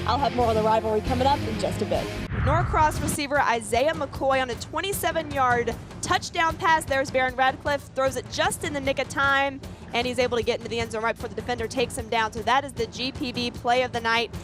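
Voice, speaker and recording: A woman's voice: high-pitched, brisk, music in the background. A woman sports reporter with a polished, conversational news field delivery.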